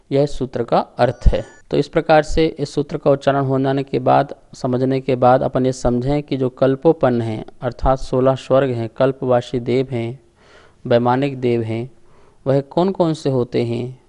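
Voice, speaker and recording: A man's voice: medium pitch, fairly even intonation, moderate pace, mellow. A man teaching a scripture class, explaining grammar patiently and leading the students in call-and-response recitation, chanting each sutra syllable by syllable.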